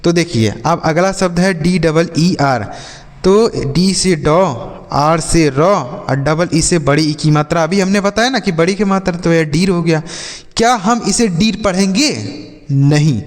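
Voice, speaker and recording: A man's voice: on the high side, in a large hall. A man teaching English pronunciation, spelling words out letter by letter and asking then answering his own questions.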